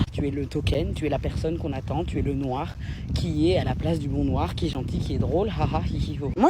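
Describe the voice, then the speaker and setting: A woman's voice: low voice, background noise. A woman content creator giving impassioned, militant commentary to her viewers. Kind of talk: commentary vlog.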